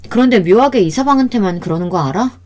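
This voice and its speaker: A woman voicing a trusting adult daughter who questions gently. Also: mid-range voice, lively intonation, fast talker, natural voice. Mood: concerned.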